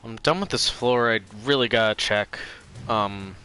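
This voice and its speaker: A man gives casual gameplay commentary in a fairly low but bright, forward voice. His nose sounds stuffed up, and he talks in offhand, muttered reactions. There is noticeable noise behind him. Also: unhurried. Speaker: gamer commentating on own play.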